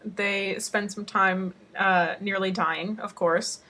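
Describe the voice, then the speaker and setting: A woman's voice: mid-range voice, steady tone, takes it slowly, bright, forceful tone. A woman co-hosting a casual podcast, chatting about a book and thinking aloud with fillers. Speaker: podcast co-host.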